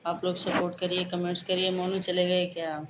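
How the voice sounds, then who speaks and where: A woman chats casually with her livestream viewers, greeting each by name and replying to their comments. Her voice sits low and stays fairly level. The sound is echoey, with steady background noise. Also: moderate pace. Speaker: livestream host. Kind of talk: casual live chat with viewers.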